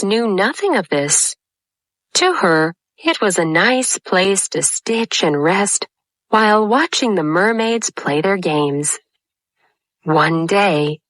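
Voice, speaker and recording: Calm woman reading a kids story real slow, lowish voice, dry sound. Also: no echo. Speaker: narrator. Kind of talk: scripted storybook narration.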